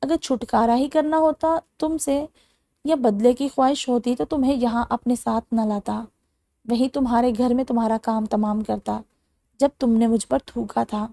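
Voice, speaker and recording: Brooding hot-tempered young man, mocking, read by a woman with a gravelly voice, dry audiobook sound. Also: a little high, fairly even intonation, dark tone, no echo. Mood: harsh. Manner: harsh, mocking.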